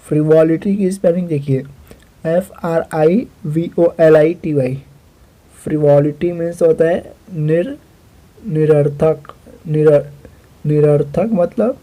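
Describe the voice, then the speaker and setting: A man's voice: fairly high pitch, mellow, dry recording, poor audio. A young man teaching English word meanings, spelling each word out letter by letter and repeating the meanings. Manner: addresses viewers as "guys". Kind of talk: vocabulary lesson.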